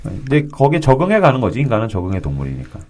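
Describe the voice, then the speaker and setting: Lively Korean man hosting a podcast. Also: mid-range voice, racing, a little hiss or hum. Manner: lively, laughs easily, addresses listeners. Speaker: podcast host. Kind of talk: casual chat.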